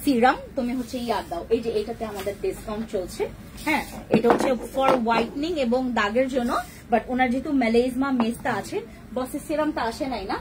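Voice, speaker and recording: A young woman with a Bangladeshi accent runs a quick, chatty live-stream sales pitch. Her voice sits high and she keeps repeating points, with English words mixed in. Faint noise hums behind her. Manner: talks fast, repeats herself, mixes in English words. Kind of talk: fast casual sales pitch.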